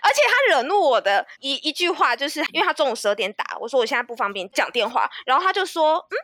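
Woman, bright high voice, fast lively storytelling, dry close sound. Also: no echo. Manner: animated storyteller, acts out both sides of a phone call. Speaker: podcast co-host. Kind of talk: casual chat.

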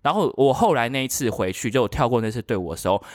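A man's voice: mid-range voice, fast talker, dry recording, studio quality. A man co-hosting a casual podcast, telling a story and acting out the people he quotes. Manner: animated storyteller who acts out quoted people. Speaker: podcast co-host. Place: in the United States.

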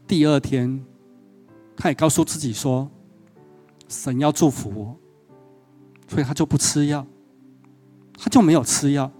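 A man's voice: on the high side, measured pace, long pauses, warm tone, breathy edge, faint music behind. A male pastor giving a sermon, telling a personal story and often asking the congregation questions.

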